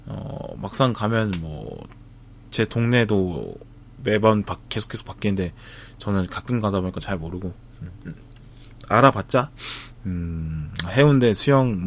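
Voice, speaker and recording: A man, talking to camera about a film festival trip in a reflective, casual way, with frequent pauses, fillers and restarts. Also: fairly low pitch. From Busan, South Korea. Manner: thoughtful, hesitant, many fillers and restarts.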